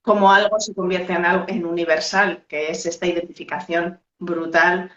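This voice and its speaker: A woman's voice: on the low side, flat delivery, normal speed, fairly bright tone. A woman co-hosting a casual chat about storytelling over a video call, playful and ironic. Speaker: co-host. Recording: echoey, muffled call audio.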